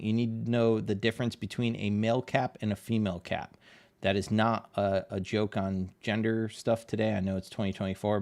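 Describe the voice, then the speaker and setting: A man streaming his art live, chatting casually and answering viewers' questions in a rambling, laid-back way. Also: fairly low pitch. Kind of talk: casual live-stream chat while drawing.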